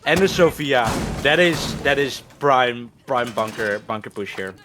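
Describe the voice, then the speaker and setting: A woman giving excited play-by-play commentary on an esports match. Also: extremely low pitch, measured pace, noisy background. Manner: excitable, speeds up on big plays.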